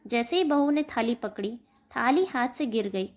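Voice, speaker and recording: A woman narrating an emotional family story in a steady storytelling manner. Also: fairly high pitch, moderate pace, muffled recording.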